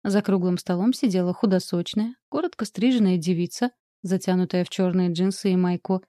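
A woman narrating an audiobook in an even, unhurried reading voice. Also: lowish voice, no room sound, clean studio sound. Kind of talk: scripted narration.

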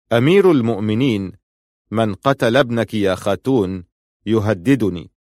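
A man reading the part of a cold, vengeful male ruler who speaks calmly and mockingly. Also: lowish voice, no room sound, clean studio sound, lightly acted. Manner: calm, cutting and mocking.

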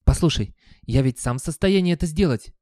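A hoarse, grumbling old mongrel, as a male reader puts him on, pitched well above the reader's own voice and said with bite. He sounds sour and world-weary, in a dry, close audiobook recording. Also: a little fast, mellow, dry recording, close to an everyday voice. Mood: sarcastic. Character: grumpy scruffy old male talking dog.

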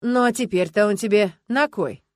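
A woman's voice: medium pitch, moderate pace, dry recording, natural voice. A woman doing a drunk, prying police captain. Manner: prying, slurring, swaggering. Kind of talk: audiobook character reading.

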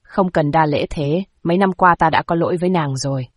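A woman's voice: low-pitched, brisk, no room sound, clean studio sound. A woman doing a weary middle-aged prince. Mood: apologetic. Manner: tired, placating.

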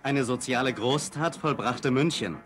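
A man narrating an old 1960s newsreel in a brisk, declamatory announcer style. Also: mid-range voice. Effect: old newsreel soundtrack. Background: music.

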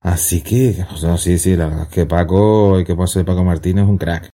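A man's voice: sits low, steady tone, fairly quick, dark tone. A man hosting a podcast in casual chat, rambling and joking, who now and then sings along off-key. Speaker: podcast host. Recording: echoey room with long reverb.

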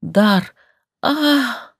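A woman reading an audiobook, voicing a frightened young heroine in a high, tearful, pleading voice. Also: animated, extremely slow, slightly rough, no room sound, studio quality, exaggerated voice.

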